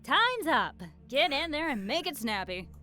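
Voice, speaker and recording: A woman's voice: high voice, sing-song, unhurried, sharp tone, soft background music, full character voice. A woman voicing a theatrical, mock-sweet and sadistic female hologram AI game show host in a video game. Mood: gleeful, commanding.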